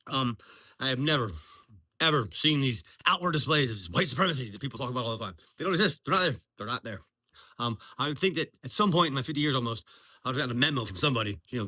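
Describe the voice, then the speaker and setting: Speaking off the cuff, this Virginia-born veteran vlogger, a man of almost fifty in his 40s, rambles bluntly and profanely with plenty of ums. His mid-range voice swings widely in pitch, pushed and bright, at a quick pace.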